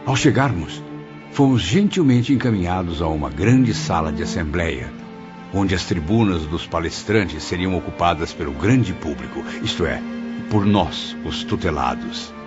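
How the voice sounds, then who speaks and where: In an audio drama, a man voices a dignified memoirist who has died, recalling the afterlife in scripted first-person narration that is formal, descriptive and reflective. His voice is low, animated and a little slow. The lo-fi recording sounds dull, with clear music playing behind him.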